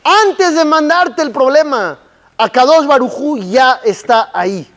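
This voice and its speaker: Male rabbi, sermon delivery, very high voice, unhurried emphatic questions. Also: animated, fairly bright tone, long reverb tail. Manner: slow, emphatic teaching with rhetorical questions.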